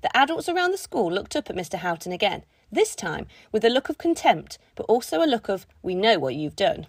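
Expressive woman reading a children's audiobook. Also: a little high, brisk, breathy edge, no room sound. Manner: expressive storytelling. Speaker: audiobook narrator. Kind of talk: scripted narration.

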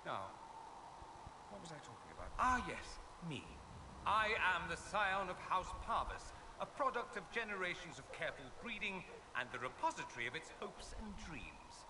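A proud, wry male mage from a video game, all witty flourishes and theatrical charm. His lively voice rises and falls, sitting a touch high. The game audio sounds distant and is buried in loud noise. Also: moderate pace.

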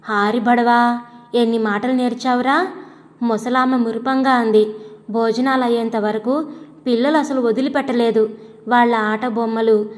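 A woman narrating a storybook in a steady, expressive reading. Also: a little high. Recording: long hall reverb.

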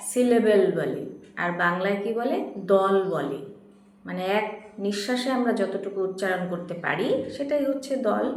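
A woman teacher dictating exam questions to young pupils, slow and patient, spelling words out syllable by syllable. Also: mid-range voice. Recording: echoey room with faint noise.

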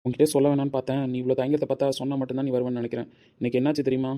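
A man's voice: mid-range voice, level tone, very fast, dark tone, natural voice. A man playing a pushy, insistent young friend who urges another to act, in an amateur audio drama. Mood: urgent. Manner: insistent, urging.

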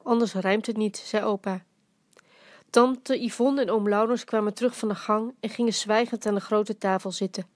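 Woman, storybook reader, calm and expressive, dry close sound. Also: medium pitch, moderate pace, no room sound. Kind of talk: reading a children's book aloud.

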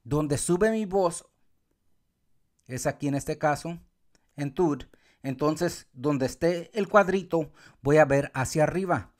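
A man teaching Spanish accent rules step by step, sometimes calling out words loudly to show where the stress falls. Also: on the high side. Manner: calls out words loudly to show the stressed syllable, counts syllables slowly. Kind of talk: explaining accent marks step by step.

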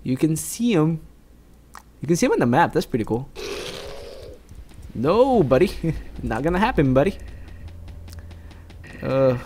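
A man's voice: mid-range voice, a little hiss or hum. A young man from South America giving jokey, rambling let's play commentary while he plays. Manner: rambling, jokey, talks to himself.

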